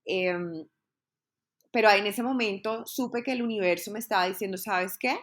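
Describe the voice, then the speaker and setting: A woman's voice: medium pitch, normal speed. Earnest woman telling her story. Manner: earnest, heartfelt storytelling with repeated words. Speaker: podcast guest. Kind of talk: personal storytelling in a podcast interview.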